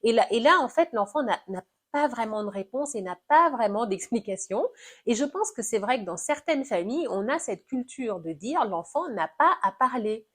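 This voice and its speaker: A woman talking through parenting in an animated, explanatory conversation, acting out little examples as she goes. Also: fairly high pitch, moderate pace, husky. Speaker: guest discussing parenting. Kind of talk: conversational discussion.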